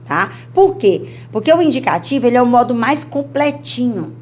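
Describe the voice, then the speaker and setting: A woman teacher with a Brazilian Portuguese accent leads a lively exam-prep grammar lesson. Her fairly high voice is chatty and animated, and she often acts out students' worries. A faint hum sits behind her voice. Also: normal speed.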